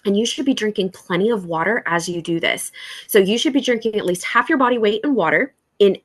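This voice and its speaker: A woman's voice: mid-range voice, a little fast. A woman hosting a welcome call for new members, chatty and encouraging. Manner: encouraging, chatty, acts out little dialogues.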